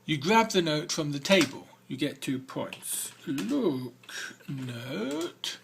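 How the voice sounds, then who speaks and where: A man's voice: fairly high pitch, big pitch swings, slow, vocal fry, slight background noise. A man hosting a game walk-through, reading the game's text aloud between hesitant comments full of fillers. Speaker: let's-play host.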